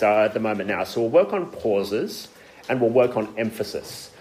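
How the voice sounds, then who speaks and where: A man leading a workshop on public Bible reading, talking casually with frequent fillers to a group in a room. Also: medium pitch. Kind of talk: informal teaching to a group. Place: meeting room with an audience, also streamed online.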